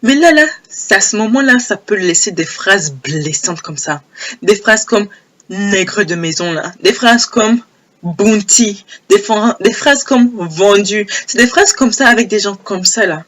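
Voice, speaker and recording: A young woman with a hoarse, low voice telling a personal story in a casual, animated way, repeating phrases for emphasis. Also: unhurried. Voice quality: low broken voice. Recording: old homemade audio.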